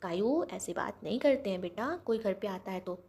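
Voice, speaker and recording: A woman's voice: medium pitch, expressive, normal speed, gravelly, a little hiss or hum. A woman voicing an old grandfather, kind but firm when he scolds, in a storybook reading. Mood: disappointed. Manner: gentle then scolding, firm.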